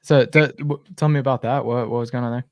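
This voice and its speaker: A young man hosting a casual podcast, talking in a relaxed way with lots of fillers. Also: medium pitch, fast, dry recording, clean studio sound. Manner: relaxed, filler-heavy, friendly. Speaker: podcast host.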